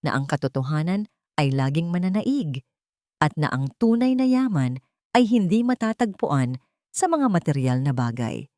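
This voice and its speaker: A woman with a Filipino accent narrates a scripted romantic drama for an audiobook. Her voice is low and darkish in tone, recorded with studio quality and no room sound.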